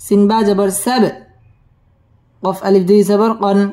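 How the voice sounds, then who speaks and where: A woman teaching Quran recitation, spelling out each word syllable by syllable and then slowly chanting the verse. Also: medium pitch, level tone, mellow. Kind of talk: slow spelling-out tajweed lesson.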